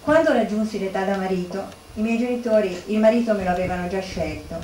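A woman's voice: medium pitch, fast talker, darkish tone, natural voice. An actress playing a modest, plain-spoken mother who tells of her son, in a stage monologue. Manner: simple, modest speech. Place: bookshop stage. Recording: echoey room, distant from the mic, faint noise.

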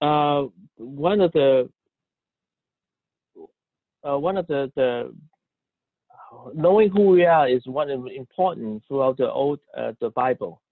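A man interpreting a sermon live, halting and restarting often as he searches for words. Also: mid-range voice, expressive, no room sound. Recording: dry, tinny phone-like line.

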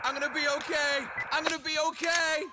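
An actor playing a panicked, aggressive male street cop in a video game, shouting urgently in a strained voice. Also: extremely high pitch, little pitch movement, fairly quick, very noisy. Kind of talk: video game combat barks. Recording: loud gunfire over shouted game dialogue.

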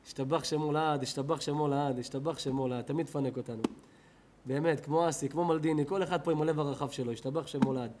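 Animated high-voiced Israeli rabbi preaching. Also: male voice, background noise. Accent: Israeli Hebrew. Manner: animated preaching, swings from loud outbursts to low murmurs. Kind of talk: sermon to a synagogue audience. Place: synagogue hall.

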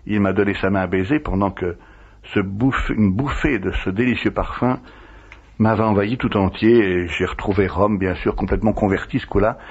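Speaking at a moderate pace, a priest with a fairly low, breathy-edged voice relives old memories in an interview. He performs the quoted dialogue in a lively retelling. The recording is dull, lo-fi radio.

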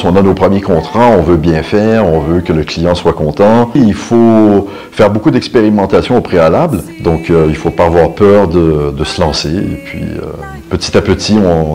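A low-voiced, slightly mellow middle-aged Canadian man is interviewed in an indoor photo studio, describing himself as a videographer, photographer and musician. Music plays in the background.

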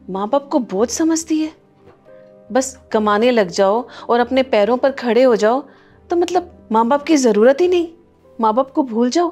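A woman playing a meek older mother-in-law. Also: on the high side. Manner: soft-spoken, meek, turns lecturing when moved. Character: gentle older mother-in-law, patient and long-suffering. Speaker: actor in a short film. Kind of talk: Hindi family short film acting.

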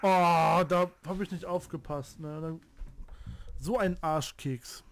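A man's voice: fairly high pitch, slow pace, gravelly, a little hiss or hum. A young man chatting casually with friends while commentating his own video game play. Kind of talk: casual gaming chat with friends.

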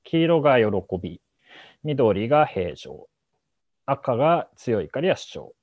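A man's voice: medium pitch, big pitch swings, takes it slowly, dry recording. A man, a startup co-founder, giving a polite, hedging presentation in an online talk, with many fillers. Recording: muffled dry call audio.

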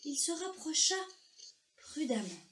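Slow gentle woman reading a children's story. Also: sits high, big pitch swings. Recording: echoey room, faint noise.

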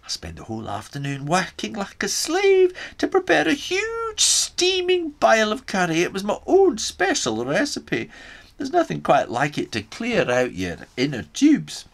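A man's voice: high-pitched, wildly swooping pitch, measured pace, vocal fry, voice pushed up, full character voice. A man voicing a crafty Scottish island man, telling the story in the first person with a put-on Scottish accent. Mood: sly. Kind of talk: storytime reading in character.

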